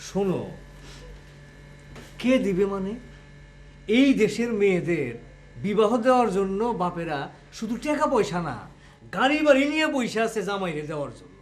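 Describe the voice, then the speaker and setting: An actor playing a boastful, lecturing suitor in a comedy TV drama. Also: male voice, high voice, sing-song, moderate pace, long pauses. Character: boastful suitor, self-important and smooth.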